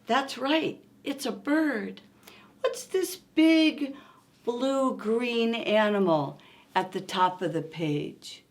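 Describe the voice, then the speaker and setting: At a storytime, a woman reads a picture book aloud to young children, expressive and coaxing, pausing to ask them questions. Her pitch is fairly high.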